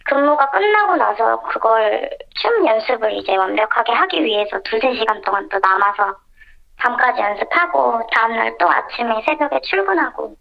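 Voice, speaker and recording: Anonymous woman, pitch-shifted disguise, gravelly high voice, halting, muffled phone line. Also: expressive. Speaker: anonymous nurse interviewee. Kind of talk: phone interview.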